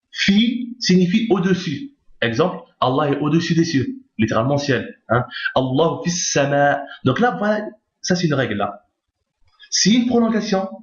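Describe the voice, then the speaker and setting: A man teaching a recorded Arabic reading lesson, patiently repeating each point and checking understanding. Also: medium pitch. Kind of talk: recorded lesson explaining on screen. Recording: roomy, dull lo-fi recording.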